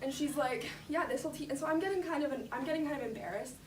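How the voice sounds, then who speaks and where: A woman's voice: high voice, rapid-fire. Young woman laughing through a story, echoey room. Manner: lots of fillers, frequent laughter. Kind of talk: casual anecdote. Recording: echoey room, distant mic, background noise.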